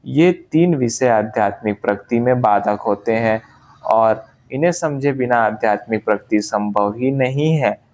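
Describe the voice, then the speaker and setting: A man calmly reading a spiritual memoir aloud as an audiobook narration, in a measured, unhurried way. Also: medium pitch, muffled recording. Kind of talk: slow scripted audiobook narration.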